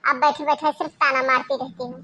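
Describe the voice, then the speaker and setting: A woman's voice: high voice, big pitch swings, a little fast, creaky, bright, forceful tone, dull audio, exaggerated voice. A woman voicing a caring young daughter in a cartoon who speaks up for her sister-in-law in an earnest, persuasive way. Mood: protesting. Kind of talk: Hindi cartoon voice acting.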